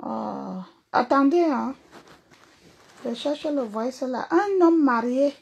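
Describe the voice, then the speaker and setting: Husky woman in a mocking rant. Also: high voice, expressive, takes it slowly, a little mellow, dull audio. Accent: Cameroonian. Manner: mocking, insulting, repetitive. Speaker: singer. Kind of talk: angry social media rant.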